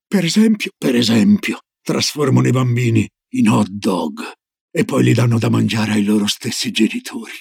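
Old Norwegian grandmother, read by a man: low, slow, ominous storyteller, gravelly and dry. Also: a little mellow, no room sound. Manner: slow, low, solemn warnings.

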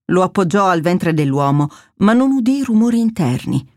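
A woman narrating a medical thriller in a measured, steady storytelling voice, close to the mic. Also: on the low side, no echo. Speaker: audiobook narrator. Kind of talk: scripted narration.

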